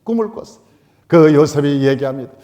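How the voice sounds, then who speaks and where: A male pastor preaching a sermon, telling the story with animated acted-out quotes. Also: a little high, fairly quick, big-room sound.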